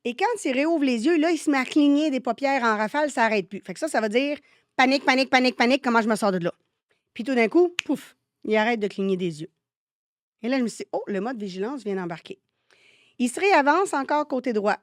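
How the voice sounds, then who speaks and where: A woman with a Québécois accent tells animated stories and acts out the dialogue in casual podcast talk. Her voice sits a touch high. The sound is dry and close-miked. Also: fast talker, no echo. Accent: Québécois French. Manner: lively, animated anecdote telling with quoted dialogue. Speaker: guest, synergologist.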